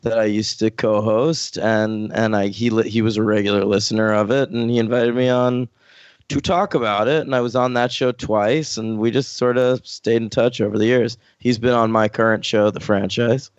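A man talks bluntly as a podcast guest. He has dry humor and a smooth, resonant voice. The sound is slightly muffled and dry. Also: lowish voice, fairly even intonation, normal speed, no room sound. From New York. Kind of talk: casual podcast chat.

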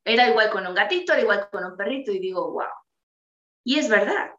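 A woman's voice: mid-range voice, animated, fairly quick, a bit bright, echoey room, highs cut off. A woman giving a motivational talk, earnest and full of rhetorical questions to her listeners. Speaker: motivational speaker.

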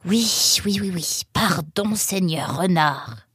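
Une femme qui prête sa voix à une grande renarde maigre, servante timide qui bégaie et parle presque sans voix. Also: female voice, on the high side, expressive, unhurried, slightly rough, no room sound, clean studio sound, voice pushed up. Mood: timid. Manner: hesitant, stammering, almost inaudible. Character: tall thin timid vixen servant.

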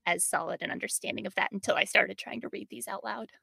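A woman's voice: mid-range voice, steady tone, quick pace, vocal fry, pushed and bright, breathy edge, no room sound. A young woman podcast host and document editor, talking thoughtfully in an interview and laughing often. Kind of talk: conversational interview.

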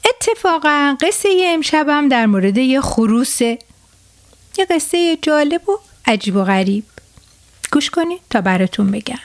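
A woman hosting a children's show, telling a bedtime tale in a lively, sing-song way and speaking warmly to the kids. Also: high-pitched, no echo. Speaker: children's show host and storyteller. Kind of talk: storytelling for children.

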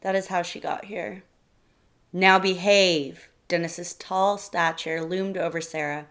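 A woman narrating a short story in a measured, steady way. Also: fairly low pitch.

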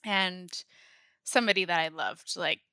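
A woman's voice: lowish voice, measured pace, sharp tone, clear, resonant tone, dry recording, studio quality. A young woman from Maine, a guest on a podcast, talking casually and laughing often. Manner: laughs often, says "like" a lot. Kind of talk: casual interview talk.

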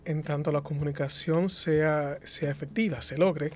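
A man speaking on a discussion panel, measured and careful, restating phrases as he refines his point. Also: fairly high pitch, steady tone. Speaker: panel guest.

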